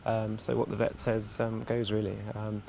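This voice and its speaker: A man's voice: lowish voice, monotone, moderate pace, creaky, lo-fi sound, slight background noise. A man, a dairy farmer answering interview questions in a hesitant, plain-spoken way.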